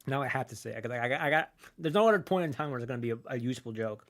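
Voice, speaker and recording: A man's voice: medium pitch, lively intonation, rapid-fire, fairly bright tone. A man streaming live from his computer, chatting casually while he eats, rambling and swearing with lots of "like" and restarts. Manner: rambling, profane, full of "like" and restarts; chews and munches while talking.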